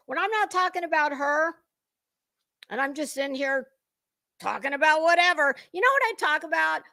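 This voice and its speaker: Her voice sits high, pushed and bright, as this online commentator rants off the cuff to her viewers. She's confrontational and sweary, speaking bluntly and leaning heavily on emphatic words.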